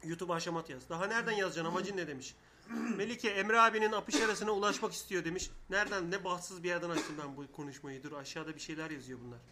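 Quick, high male radio co-host; rambling storyteller, crude; roomy recording, faint noise. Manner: rambling storyteller, swears freely. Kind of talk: casual live radio banter.

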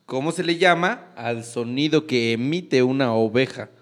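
A man's voice: mid-range voice, normal speed. A man with a Mexican accent co-hosting a podcast, teasing and laughing through casual quiz banter. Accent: Mexican Spanish. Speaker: podcast co-host.

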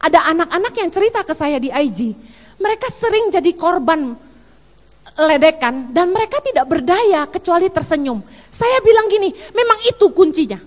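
Middle-aged female pastor, lively preaching with a high voice, reverberant hall sound. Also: moderate pace. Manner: animated, acts out quoted voices. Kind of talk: sermon.

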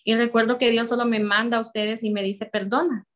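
A woman's voice: a little high, flat delivery, fast talker. A young woman with a Honduran accent gives a heartfelt personal faith testimony, speaking directly to her listeners.

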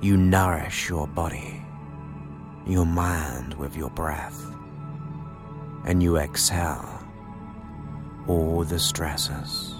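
A man leading a guided relaxation in a soothing, unhurried manner, leaving long pauses between short phrases. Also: low voice, steady tone. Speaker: guided meditation host. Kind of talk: guided relaxation hypnosis narration. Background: new-age music.

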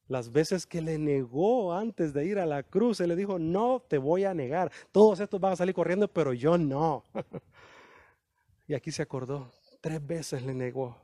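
High-voiced, animated male preacher. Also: no echo, studio quality. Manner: animated preaching, acting out quoted dialogue with slow emphatic lines. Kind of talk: sermon.

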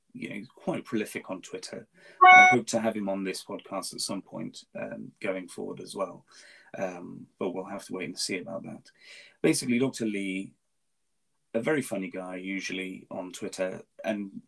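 This podcast host, whose native tongue is Farsi, has a deep, husky voice with vocal fry and a slightly bright edge. He runs a casual interview haltingly, full of ums and restarts, and the recording quality is rough.

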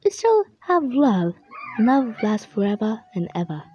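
Sentimental storybook character played by a woman: earnest, husky, unhurried, on a slightly muffled recording. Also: on the high side, big pitch swings, no room sound, heavily acted. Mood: tender, earnest. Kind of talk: children's storybook read-aloud. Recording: dull lo-fi recording.

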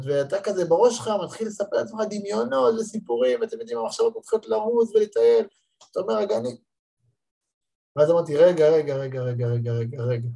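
Husky, mellow-voiced male spiritual teacher. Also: a little high. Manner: emphatic storytelling, repeats words for stress. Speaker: religious motivational teacher. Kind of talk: spiritual lesson with a personal story.

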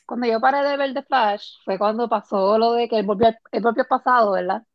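A woman's voice: a little high, steady tone, a little fast, no echo, dull audio. Wry young woman. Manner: switches into English, wry. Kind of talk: casual chat.

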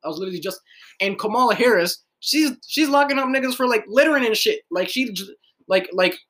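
A man's voice: high-pitched, expressive, fast talker, a bit bright. A young man co-hosting a casual livestream chat, blunt and profane, often stumbling and repeating words.

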